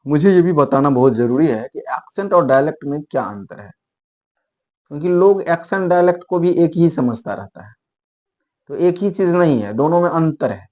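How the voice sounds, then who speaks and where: A man's voice: fairly high pitch, animated, normal speed, a little mellow, dull audio. A man teaching spoken English in a casual, rambling lecture, explaining with frequent restarts and asides. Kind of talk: spoken English lesson in Hindi.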